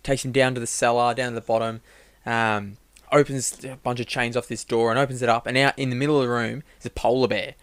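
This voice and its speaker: Talking quickly in a smooth, medium-pitched voice, a young man who works for a church co-hosts a podcast, captured in a dry recording. In a relaxed chat, he drags out a rambling joke, restarting often and leaning on fillers.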